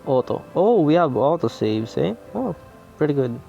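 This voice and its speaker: A man's voice: a little high, very animated, normal speed, vocal fry, mellow, highs cut off, soft background music. A man playing a visual novel, reading its text aloud and breaking off into casual, profane, self-mocking commentary.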